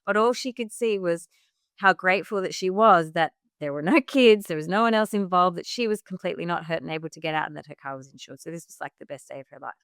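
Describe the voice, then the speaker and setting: Lower-pitched woman telling lively stories. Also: fast, no echo, studio quality. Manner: animated storyteller, affirming. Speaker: guest, women's health coach. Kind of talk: podcast conversation.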